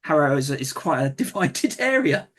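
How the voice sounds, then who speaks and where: A man with a London accent, a comedian telling stories in a casual interview, relaxed with many fillers and restarts. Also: on the high side, moderate pace. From England. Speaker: comedian guest.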